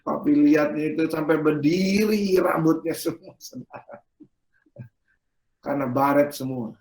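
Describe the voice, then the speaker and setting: Male pastor telling a story in his sermon, keeps talking right to the crowd, voice sits a touch high, lots of room echo. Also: a little slow, gravelly. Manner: animated storytelling, often addresses listeners as brothers and sisters. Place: church service hall. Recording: echoey worship hall.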